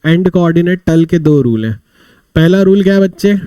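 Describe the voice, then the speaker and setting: A man's voice: high-pitched, lively intonation, normal speed, mellow, clear, resonant tone, dry recording, highs cut off. A man teaching a vocabulary class, telling little stories to explain words and asking and answering his own questions. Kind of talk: live online vocabulary class.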